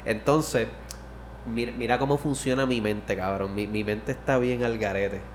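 A man's voice: on the low side, fairly even intonation, unhurried, slight background noise. A man co-hosting a podcast, rambling in casual chat, swearing often and restarting mid-sentence. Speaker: podcast co-host.

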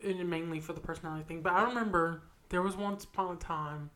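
A woman's voice: fairly low pitch, steady tone, quick pace, a bit bright. A woman in her twenties co-hosting a casual podcast, rambling with many "like" fillers. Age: 20s. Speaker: podcast co-host. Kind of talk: casual chat.

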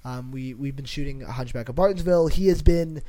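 Co-hosting a casual podcast, a man chats loosely, full of fillers and restarts. His mid-range voice has a dark tone, and he talks a little fast.

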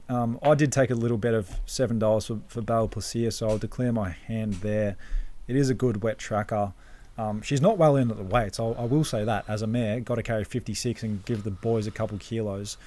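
A man's voice: on the low side, steady tone, fairly quick, mellow. Australian man hosting a casual racing podcast.

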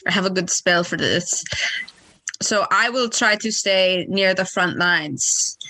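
A woman voicing a smug male character in a tabletop game, speaking slowly and boastfully about his plan. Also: lowish voice, sharp tone, no echo, pitched below the performer's own voice, full character voice, rough recording. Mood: scheming.

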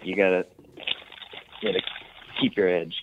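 A man's voice: low voice, fairly even intonation, moderate pace, noisy background. A man in laid-back casual chat, heard over a phone call on speakerphone, a little muffled. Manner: laid-back and easygoing, with fillers. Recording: tinny muffled phone line.

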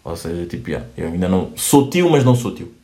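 A young man with a European Portuguese accent hosts a comic rant, joking and swearing with quick asides. His pitch swings widely. The room adds a noticeable echo. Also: big pitch swings, dark tone. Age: young adult. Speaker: host. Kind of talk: casual comedic monologue. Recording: roomy echo.

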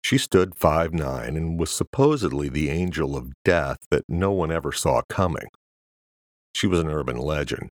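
A man narrating a thriller audiobook in a steady, measured storytelling manner. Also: rumbling low, no echo, studio quality. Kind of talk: scripted narration.

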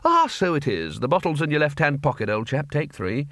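A man voicing a large, hearty older male wizard chief who booms jovially and misses sarcasm. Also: very animated, fairly quick, a bit bright, no echo, clean studio sound.

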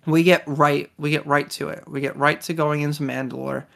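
A chatty podcast co-host talks through an episode in a relaxed, enthusiastic way. The voice sits at a middle pitch, with plenty of fillers and restarts. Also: brisk, gravelly. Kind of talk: casual chat reviewing a series episode.

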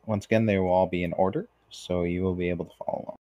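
A man's voice: low-pitched, steady tone, very fast, dark tone. A man hosting a casual discussion, reflective and asking probing questions. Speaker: host.

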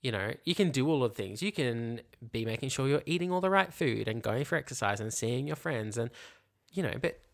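Gravelly and expressive, a man's mid-range voice moves fairly quickly as he co-hosts a podcast. In a laid-back, reflective conversation he explains things tentatively, full of "like" and "you know."

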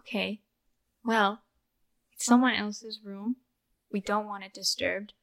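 A man's voice: high voice, fairly even intonation, slow pace, vocal fry, a bit bright, heavily acted. A game master voicing an irritated young human man in his twenties who scolds a newcomer with blunt questions. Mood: stern. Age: 20s.

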